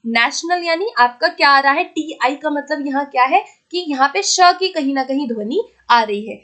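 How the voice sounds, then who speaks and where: A woman's voice: high-pitched, fairly bright tone. A young woman teaching an exam-prep lesson in a Hindi accent, explaining patiently and checking in often with the class. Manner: explanatory, repeats "theek hai" to check in; slows down to read questions aloud.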